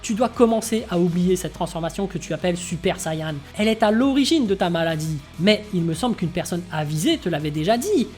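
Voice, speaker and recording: A woman voicing an ancient godlike male mentor who lectures in a calm, stern, measured way. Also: lowish voice, faint music behind, close to an everyday voice. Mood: stern lecturing.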